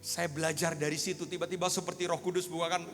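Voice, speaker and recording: A male pastor in his thirties preaching a storytelling sermon to a congregation, moving between hushed and fervent delivery. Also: on the high side, little pitch movement, fast, faint music behind. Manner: storytelling, addresses congregation as Pak and saudara; swings from hushed to loud, fervent. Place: church hall. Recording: long echo of a church hall.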